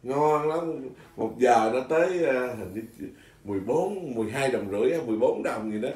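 Monk, echoey room. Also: male voice, mid-range voice, moderate pace. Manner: animated, laughs often, many restarts. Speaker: Buddhist monk. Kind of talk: casual storytelling chat. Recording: echoey room, mic at a distance.

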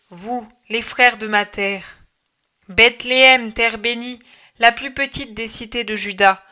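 A woman reader voicing Jesus as a gentle male preacher, speaking to a crowd in a solemn, measured way for an audiobook. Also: medium pitch.

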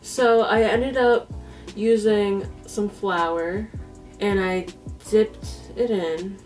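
A cooking vlogger in her twenties from the East Coast of the United States chats casually to the camera and thinks aloud while cooking in her small home kitchen. Her American-accented voice is mid-range, steady and darkish, with drawn-out words. The camera sits a few feet away, so the audio is distant and poor, with music playing in the background.

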